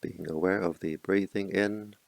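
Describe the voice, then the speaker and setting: A deep-voiced man guides a meditation, his tone gravelly with fry as he softly and slowly offers brief, calm instructions with long pauses in between. The sound is close-miked and dry, with scarcely any room on it.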